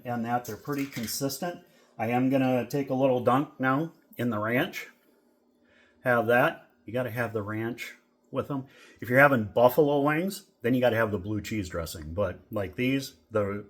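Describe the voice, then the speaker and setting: A middle-aged man from Minnesota casually reviewing food in a relaxed, rambling vlog with lots of fillers. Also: mid-range voice, moderate pace. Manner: rambling, easygoing, with many fillers. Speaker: vlogger.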